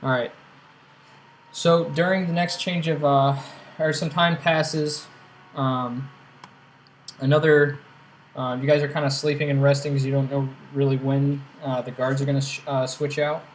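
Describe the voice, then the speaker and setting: A young man narrating a tabletop game as game master, casual and halting, with many fillers. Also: mid-range voice, flat delivery, slight background noise, poor audio.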